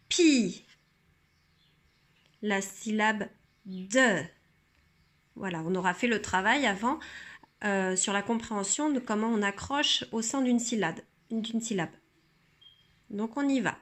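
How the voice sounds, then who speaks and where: A woman teacher calmly explaining a reading method, sounding out syllables slowly and carefully. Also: a little high. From France. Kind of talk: instructional demonstration.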